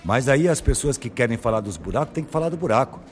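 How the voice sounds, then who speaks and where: A man's voice: mid-range voice, fast talker, faint music behind. A man with a Northeastern Brazilian accent hosting a radio call-in show, talking with listeners in an affable, reassuring way. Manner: affable, reassuring, defends himself calmly. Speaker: radio host.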